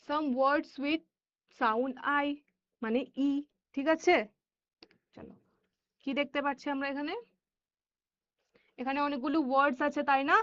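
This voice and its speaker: Teaching children in a classroom, a Bengali-accented woman who speaks Bengali natively reads English words slowly and deliberately, slipping in quicker asides. Her voice is high with a fairly bright tone, and the sound is lo-fi.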